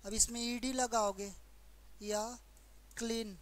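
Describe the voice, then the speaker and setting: A woman's voice: a little high, fairly even intonation. A woman teacher with a Hindi accent explaining English verb forms in a grammar lesson, asking questions and repeating each answer. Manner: slow, repetitive explaining with questions to students. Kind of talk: exam-prep grammar lesson.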